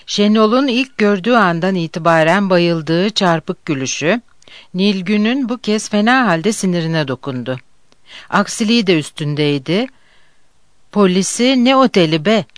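An audiobook narrator reading a novel aloud in a measured, even way. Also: mid-range voice, no echo, studio quality.

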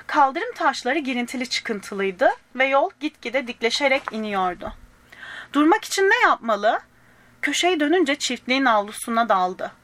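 A woman whose voice sits high reads a children's storybook in a gentle manner, speaking to young listeners and voicing the characters softly. The recording is dry.

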